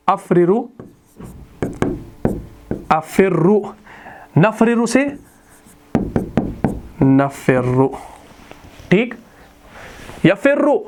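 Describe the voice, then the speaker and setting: Brief: male teacher, high voice, recites each verb form and then explains patiently. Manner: recites word forms slowly, then explains in plain terms. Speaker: Quran and Arabic grammar teacher.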